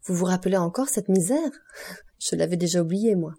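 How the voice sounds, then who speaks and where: A woman voicing a composed, courteous middle-aged count in an audiobook, measured and polite. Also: on the low side, expressive, mellow, breathy edge. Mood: courtly.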